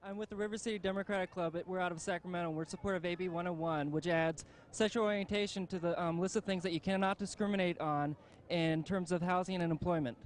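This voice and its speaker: A high-pitched American man answers in a street interview. He speaks quickly over faint outdoor noise. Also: fairly even intonation. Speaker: political club member being interviewed. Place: outdoors at a parade.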